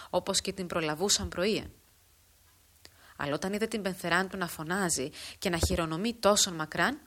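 A woman reading a literary story aloud, in a measured, formal storytelling manner. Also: mid-range voice. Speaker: narrator. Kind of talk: scripted narration of a literary story.

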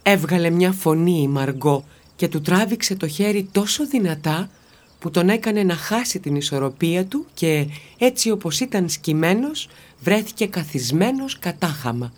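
A woman narrating a children's story in a steady, expressive reading voice. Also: lowish voice.

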